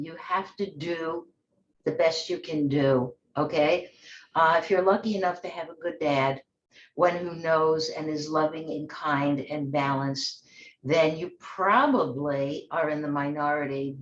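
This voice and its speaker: A woman's voice: sits low, echoey room, dull audio, slight background noise. A woman hosting an online talk show, speaking in a rambling, conversational monologue with frequent restarts. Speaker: host. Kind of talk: casual monologue.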